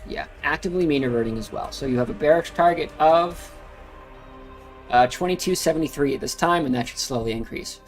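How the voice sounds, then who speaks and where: Speaking fairly quickly in a fairly high voice, a man casually talks through crypto charts on a livestream, rambling and using frequent fillers while music plays.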